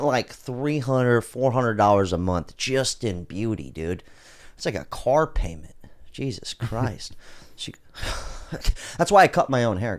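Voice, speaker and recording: A man hosting a casual podcast, reacting to clips with loud, laughing, profane banter. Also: mid-range voice. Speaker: podcast host.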